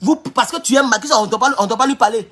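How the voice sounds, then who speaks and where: A man's voice: very high voice, rapid-fire, pushed and bright. A man hosting a livestream, making an impassioned address to his viewers and repeating his rallying calls. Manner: fiery, repetitive, rallying. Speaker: livestream host.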